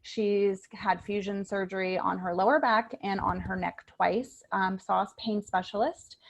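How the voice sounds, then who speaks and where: A woman in her thirties, a registered nurse, telling an earnest, animated personal testimonial on a group call. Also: medium pitch, measured pace, vocal fry.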